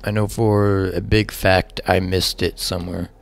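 Gravelly, slow-talking male gamer. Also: low voice, level tone. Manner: rambling, swears often, talks to himself. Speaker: gaming channel host. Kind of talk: casual let's play commentary.

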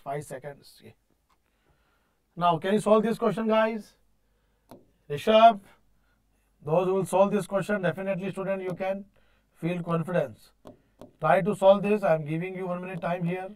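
A man with a North Indian accent gives a classroom lecture in a high-pitched voice. He repeats key phrases with emphasis and often puts questions aloud before answering them himself. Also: darkish tone. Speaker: teacher of exam-prep engineering course. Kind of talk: classroom lecture mixing English with Hindi. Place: indoor teaching studio at a digital board.

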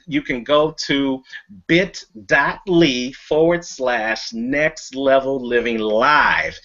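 A man's voice: medium pitch, a bit bright. Emphatic American man hosting, slightly muffled. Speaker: talk show host and coach. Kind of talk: motivational show hosting. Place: indoor room beside banner. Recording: dull lo-fi webcast.

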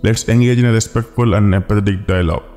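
A man giving scripted documentary narration as a channel narrator, in a solemn, measured and earnest way. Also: lowish voice, fairly even intonation, mellow. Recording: long reverb with background music.

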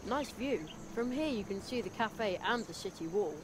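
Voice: medium pitch, lively intonation, moderate pace, slight background noise, natural voice. An actor voicing a polite, curious young boy adventurer in a video game, making mild, musing remarks. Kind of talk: video game character acting. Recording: loud music behind the voice.

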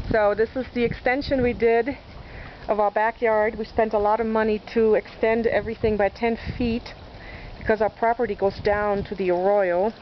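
A woman giving a chatty, self-deprecating walking tour of her sunny backyard garden, narrating as she goes. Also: on the high side. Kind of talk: casual walking video tour. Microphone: handheld camera mic. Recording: dull lo-fi camcorder audio with outdoor noise.

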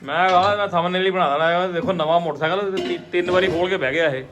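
A Punjabi man with a somewhat high-pitched voice narrates a casual family vlog. He is chatty and teasing and circles back to his points. The phone recording carries slight background noise. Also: quick pace. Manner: teasing, chatty, repeats himself. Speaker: family vlogger. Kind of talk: casual home vlog chat. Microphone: phone held by the speaker. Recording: noisy handheld home recording.

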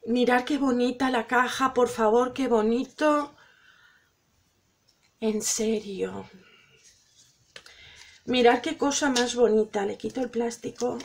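A middle-aged Spanish woman with a fairly high voice gushes with emotion while unboxing presents sent by viewers at home, exclaiming over each one. It's excited vlog chatter, with a faint hiss or hum on the recording.

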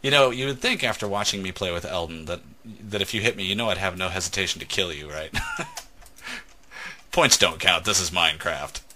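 A man's voice: sits low, normal speed, sharp tone. A man hosting a let's play, chatting casually and telling jokes while gaming. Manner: joking, teasing storyteller. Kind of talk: casual gameplay chat.

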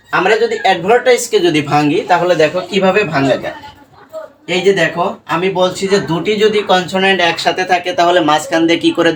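A teacher with a Bengali accent giving a pronunciation lesson, asking questions and answering them himself, repeating words slowly. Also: medium pitch, a bit bright. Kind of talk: classroom-style lesson to students.

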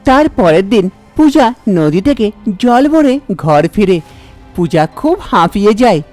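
A woman's voice: mid-range voice, big pitch swings, a little slow, darkish tone, soft background music. A woman narrating a cartoon story in a plain storytelling way.

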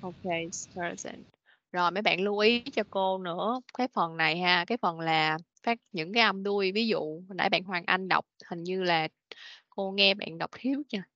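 This woman's voice is fairly low, bright, and forceful, and the recording is dry. Teaching children English online, she patiently corrects how they pronounce words, repeats them slowly, and keeps saying "rồi, ok"; the sound is a dull, lo-fi video call meeting capture.

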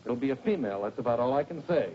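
Actor as a dry joking buddy, 1940s film, lively pitch, dull track. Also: male voice, rapid-fire, slight background noise, lightly acted. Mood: wry. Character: wisecracking male sidekick. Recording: dull old film soundtrack.

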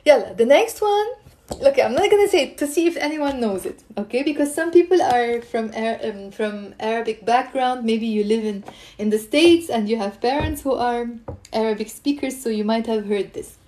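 A woman in her thirties with a fairly high voice and a Lebanese accent. She teaches in an informal, animated way, encouraging her listeners and repeating words carefully, as if live to a phone in a room at home. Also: moderate pace. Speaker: Arabic teacher and live stream host. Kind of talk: informal live language lesson, explaining and questioning viewers. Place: small indoor room at home. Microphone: phone at arm's length.

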